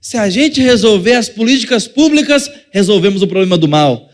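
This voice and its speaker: A man with a Brazilian Portuguese accent preaches from the pulpit, his voice pitched high for a man. He keeps it chatty, slipping into small acted-out scenes and turning to the listeners to address them directly. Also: animated, brisk, big-room sound. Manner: conversational preaching, acting out little scenes. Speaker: pastor. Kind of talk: sermon.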